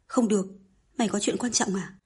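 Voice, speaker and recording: A woman voicing a stern, scheming old mother who scolds and pushes her children, with a very breathy voice. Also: medium pitch, steady tone, fairly quick, a little mellow. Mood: pushy. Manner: scolding, pushy.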